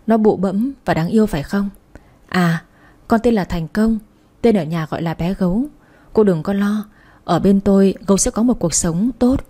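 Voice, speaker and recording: A woman voicing a calm, cold wife who keeps the child and speaks in a cutting tone. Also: medium pitch, moderate pace, close to an everyday voice. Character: cold, composed wife taking in the baby.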